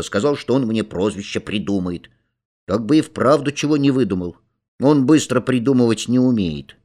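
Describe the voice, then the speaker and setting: Expressive male storybook reader. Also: mid-range voice. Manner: lively, expressive telling. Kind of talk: storybook reading.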